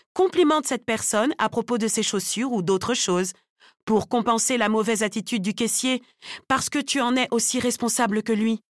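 Female audiobook narrator, fairly high voice, measured and lightly ironic, dry close recording. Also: no room sound. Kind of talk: scripted narration of a novel.

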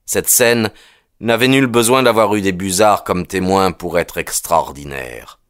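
A man reads a story aloud with measured, dramatic pacing. His voice is very low, and the sound is dry and close with no room around it. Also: fairly bright tone, clear, resonant tone, no echo. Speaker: narrator. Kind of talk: scripted audiobook narration.

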